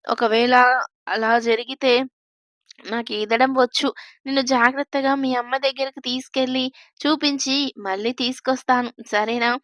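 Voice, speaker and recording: A woman voicing a gentle, bearded grown man who teases kindly and laughs easily. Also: on the high side, steady tone, normal speed, dry recording, studio quality, lightly acted. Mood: gentle amused.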